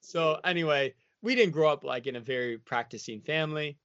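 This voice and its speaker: A slightly high, somewhat bright voice belongs to a man from the United States speaking fairly quickly in a dry recording. He is a guest in a casual, reflective interview, rambling loosely and filling his speech with "like" and "you know." The audio is dull and lo-fi.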